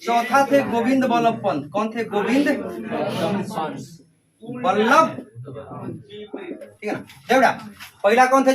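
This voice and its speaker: High-voiced male teacher drilling a class. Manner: repeats questions and calls out for the class to answer back; scolds students for making noise. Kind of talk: classroom lecture with call-and-response drilling. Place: classroom with students. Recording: distant mic, noisy class chatter.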